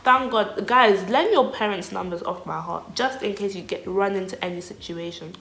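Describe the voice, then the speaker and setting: A young woman telling a storytime vlog in a chatty, animated way, full of 'like'. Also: mid-range voice, normal speed, vocal fry. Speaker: vlogger. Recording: echoey room.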